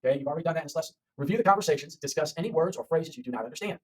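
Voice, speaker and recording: A man's voice: fairly high pitch, rapid-fire, darkish tone, recorded from a distance, low-quality recording. A man teaching an online English lesson, talking to learners with lots of repetition and frequent "okay?" checks.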